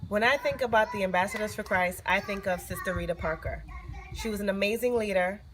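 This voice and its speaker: A woman giving a steady, earnest tribute to her former choir leader. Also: medium pitch, a little fast, background noise. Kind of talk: heartfelt recorded tribute.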